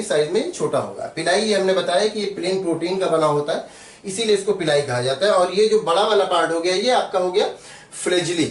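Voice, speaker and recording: A man's voice: high voice, roomy sound, recorded from a distance. A man teaching biology step by step, patiently repeating terms and spelling them out as he draws. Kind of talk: step-by-step drawing tutorial.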